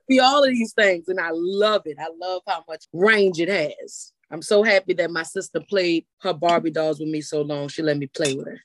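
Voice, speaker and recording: A woman who is a singer and poet answers interview questions in a loose, rambling way, often repeating words as she restarts. Her voice is on the low side, at a moderate pace, with no echo.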